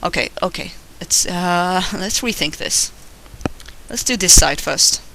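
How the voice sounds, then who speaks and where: A squeaky, thin-voiced artist casually narrating a drawing process in an informal, rambling, self-deprecating way. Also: measured pace, vocal fry, background noise. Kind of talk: casual drawing tutorial commentary.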